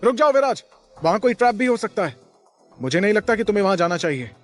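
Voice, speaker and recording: A man's voice: mid-range voice, normal speed, faint music behind, lightly acted. A man voicing a cautious young male hero in an audio drama, calling out urgent warnings. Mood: shouting urgently.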